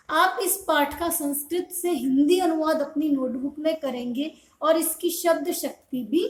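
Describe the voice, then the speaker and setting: A woman teacher with a high voice reads out lines in Sanskrit one at a time. After each line she explains its meaning in Hindi, in a patient, step-by-step classroom manner. Her voice carries a noticeable room echo. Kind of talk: online Sanskrit lesson, reading and translating into Hindi.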